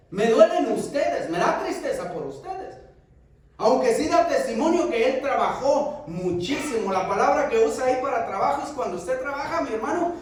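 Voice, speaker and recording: Male pastor, fervent sermon delivery, high-pitched voice, distant mic in a booming church hall. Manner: impassioned preaching, swinging between loud peaks and hushed asides. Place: church sanctuary.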